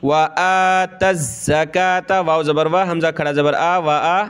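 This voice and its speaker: A man teaching Quran reading, spelling out each letter and vowel mark and then chanting the word slowly, with quick explanatory asides in between. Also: a little high, steady tone, a bit bright, clear, resonant tone. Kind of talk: slow spelled-out recitation lesson.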